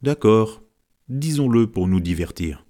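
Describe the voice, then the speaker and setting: A man's voice: fairly low pitch, animated, unhurried, mellow. A man voicing a confident older fortune teller who reads characters, in an audiobook. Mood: wry. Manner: confident, lecturing.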